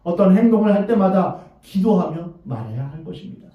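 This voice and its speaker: A man's voice: sits high, animated, a little fast. Male pastor preaching in a very echoey church. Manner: earnest preaching with rhetorical questions to the congregation. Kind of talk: sermon. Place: church sanctuary. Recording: very echoey, distant, dull church recording.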